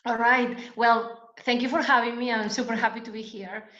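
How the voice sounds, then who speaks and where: A woman's voice: a little high, steady tone, normal speed, pushed and bright. A woman from Spain with a Spanish accent, a guest educator talking hesitantly with many fillers in an online interview. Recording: echoey, dull lo-fi call audio.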